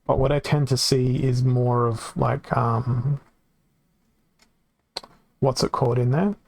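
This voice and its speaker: Speaking slowly with little pitch movement, a man provides casual commentary while streaming a card game from home on a desk mic. He thinks aloud and corrects himself, and his medium, slightly mellow voice is worn from long talking, with no echo.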